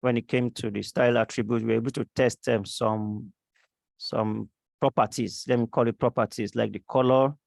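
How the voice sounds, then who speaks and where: A man teaching a live online coding class with a sore throat, talking slowly with many pauses and fillers. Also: mid-range voice, fairly even intonation, vocal fry, dry recording. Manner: slow, halting, many fillers. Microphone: computer mic on a video call.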